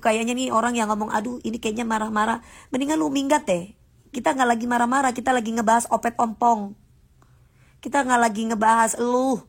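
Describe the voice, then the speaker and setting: A combative woman, talking straight to her livestream viewers. Her voice sits a little high, and she stays sassy and dismissive throughout. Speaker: livestream host. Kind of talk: casual livestream rant.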